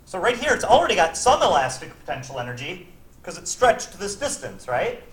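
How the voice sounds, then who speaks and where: A man's voice: sits high, very animated, a little fast. A male physics teacher lecturing a class, often checking in with "right?" and "okay?". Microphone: camera at a distance. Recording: echoey classroom, distant mic, faint noise.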